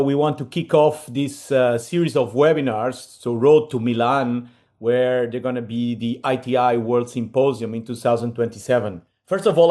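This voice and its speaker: Relaxed dentist presenting. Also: male voice, mid-range voice. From Portugal. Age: middle-aged. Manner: relaxed, many fillers, slightly non-native phrasing. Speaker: implant dentist, webinar co-host. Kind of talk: casual presentation.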